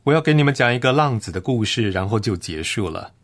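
A man's voice: mid-range voice, expressive, fast. Earnest solemn male preacher. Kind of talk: read sermon.

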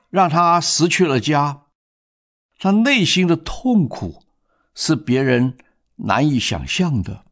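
A man narrating a moral story in a measured, reflective manner. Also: fairly high pitch, a bit bright.

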